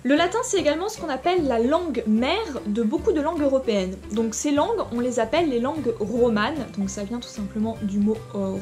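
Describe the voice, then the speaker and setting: Woman teacher, fairly high voice, informal explanatory lesson, hesitant fillers, faint music underneath. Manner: informal, addresses viewer directly, many fillers. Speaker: Latin teacher.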